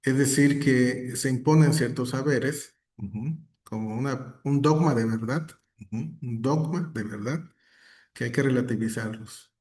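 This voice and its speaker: Man, reflective academic guest, mellow dark voice, tag questions. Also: mid-range voice, unhurried. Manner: reflective, gives examples, frequent tag questions. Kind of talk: conversational talk.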